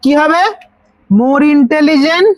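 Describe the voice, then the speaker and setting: A tutor with a Bengali accent and a high voice teaches grammar to school students very slowly, asking questions, repeating answers and spelling words out letter by letter. The recording is dry and low in quality.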